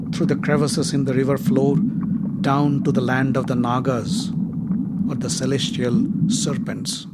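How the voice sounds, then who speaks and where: A man narrating an old epic as a storybook tale with expressive delivery. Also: medium pitch, slightly rough.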